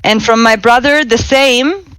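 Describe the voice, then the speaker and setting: A woman from Spain with a German accent in English, chatting as a podcast guest, self-deprecating and quick to laugh. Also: fairly high pitch, a bit bright, clear, resonant tone, no room sound, poor audio. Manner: chatty, self-deprecating, frequent laughter, small grammar slips. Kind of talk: casual podcast chat.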